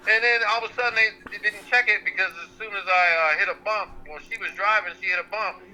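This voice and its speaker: A man's voice: high voice, steady tone, quick pace, pushed and bright, poor audio. A man phoning in on speakerphone, talking casually in a blunt, profane way while he tells stories. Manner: blunt, profane, laid-back storytelling. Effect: heard over a phone on speakerphone. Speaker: friend called in by phone. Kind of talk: casual chat.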